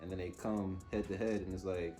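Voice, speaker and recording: A man's voice: sits low, steady tone, fairly quick, warm tone, faint music behind. A man giving a casual, off-the-cuff TV review, informal and opinionated as he mulls things over aloud. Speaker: host reviewing TV episodes.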